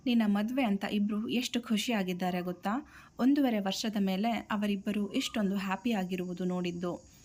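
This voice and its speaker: Woman reading as a soothing young male best friend, coaxing, mellow tone, quick delivery. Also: medium pitch, natural voice. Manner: coaxing, mixes English phrases.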